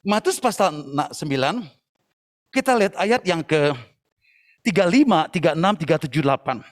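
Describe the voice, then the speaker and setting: A man preaching a passionate sermon to young people at an online church service, at times shouting and dropping English phrases into his talk. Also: fairly high pitch, animated, normal speed. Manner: addresses listeners as brothers and sisters.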